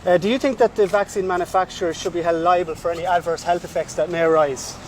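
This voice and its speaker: A high-voiced man fires pushy reporter questions at speed. He presses insistently and repeats things back, out on a street with faint traffic noise behind him. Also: fairly even intonation, fast talker, a little mellow. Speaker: reporter doing a doorstep interview. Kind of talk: on-the-spot questioning.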